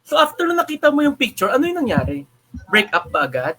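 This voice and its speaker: A man's voice: extremely high pitch, huge pitch swings, fast talker, sharp tone, poor audio. A Filipino man hosting an online chat, teasing and joking with his guest as he questions her. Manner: teasing, joking interviewer with frequent laughs. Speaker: host. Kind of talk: casual chat.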